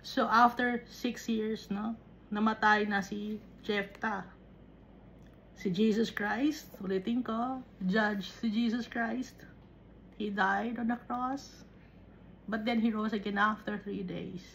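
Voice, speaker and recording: A woman leads a Bible study at an unhurried, deliberate pace, pausing to check that her listeners follow. Her voice sits in a middle register. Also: mid-range voice, steady tone, vocal fry, fairly bright tone, a little hiss or hum. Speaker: Bible teacher. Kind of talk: Taglish Bible study teaching.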